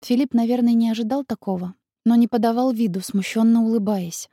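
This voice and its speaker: A woman narrating a first-person audiobook in an expressive, emotional way. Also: a little high, fairly quick, dry recording, studio quality.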